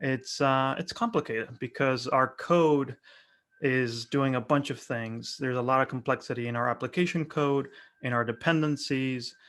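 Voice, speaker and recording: A man's voice: mid-range voice, normal speed. Man, from Argentina, workshop presenter, friendly, filler-heavy, video call. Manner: friendly, relaxed, with frequent fillers. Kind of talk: conference workshop talk over video call. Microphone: webcam video call.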